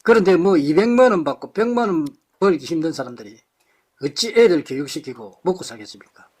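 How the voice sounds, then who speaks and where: A man's voice: on the high side, animated, a little fast, darkish tone, breathy edge. A man giving an impassioned political lecture to a live audience, firing off rhetorical questions and blunt insults.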